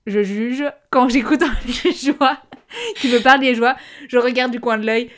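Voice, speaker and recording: A woman's voice: fairly high pitch, steady tone, normal speed. A young Belgian woman co-hosting a podcast in casual chat, with a Belgian French accent, often hesitating and restarting with fillers. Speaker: podcast co-host.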